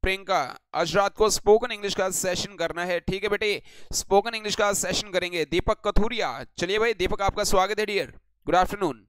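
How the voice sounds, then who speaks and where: A man's voice: sits high, normal speed, a bit bright, clear, resonant tone, no room sound. An Indian man teaching English vocabulary in a live online class, greeting viewers by name and repeating each word as a question for the class.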